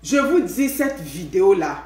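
A middle-aged woman with an Ivorian French accent chats with her live-stream viewers from home. She talks in a lively, familiar way and keeps checking in with a questioning "hmm?". Her voice sits at a middle pitch and bounces around an echoey room. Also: unhurried. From Ivory Coast. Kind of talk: casual live chat.

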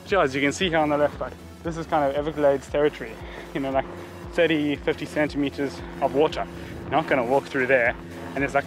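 A young man in his twenties with a South African accent, chatting upbeat to a handheld camera while walking outdoors on trails and a beach. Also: on the high side. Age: 20s. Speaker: travel vlogger. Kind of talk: casual travel vlog. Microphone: camera held at arm's length.

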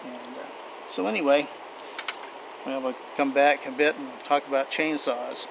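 A man's voice: medium pitch, unhurried, creaky. Older man rambling outdoors, far from mic. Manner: rambling, folksy, restarts sentences often. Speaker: vintage equipment collector and channel host. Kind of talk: casual show-and-tell talk. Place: outdoors in an overgrown backyard. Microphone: camera mic from several feet away. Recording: distant outdoor camera audio with steady background hum.

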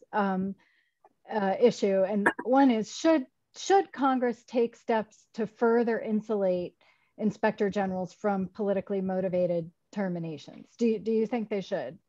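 Measured woman moderator, dull dry audio. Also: mid-range voice, warm tone, no echo. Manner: measured, reads audience questions. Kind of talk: webinar interview questions.

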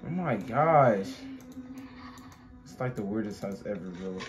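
A young man doing scared horror game commentary, excitable and easily startled, as a streamer. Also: on the low side, unhurried, over music. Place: small indoor room at home. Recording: noisy room, clear background noise.

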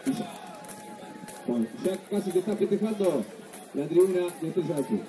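A man's voice: sits high, expressive, a little fast, music in the background. A man giving live football match commentary as the commentator. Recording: noisy outdoor stadium with crowd. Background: crowd and outdoor stadium noise.

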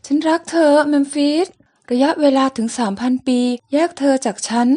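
A woman's voice: sits high, moderate pace, mellow, close to an everyday voice. A woman voicing a devoted young heroine from an old comic, speaking in a worried, pleading way.

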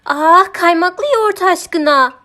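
Woman doing Mörlala, a loud stubborn cow. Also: sits high, faint music behind, pitched above the performer's own voice, lightly acted. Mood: demanding. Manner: loud, exclaiming, drawn-out whines. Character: vain stubborn female cow, demanding and whiny. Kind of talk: children's audiobook character voice.

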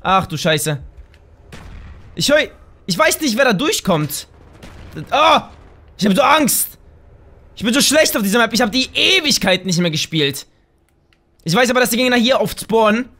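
High, bright, excitable gamer man. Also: normal speed, long pauses. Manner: excitable, bursts into loud shouts and exclamations; chatty, talks straight to viewers. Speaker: gaming channel host. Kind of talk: let's play gameplay commentary.

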